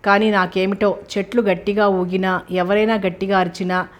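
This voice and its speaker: A shy, anxious young village woman, read by a female narrator, hesitant and soft, mid-pitched. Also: flat delivery, normal speed, natural voice.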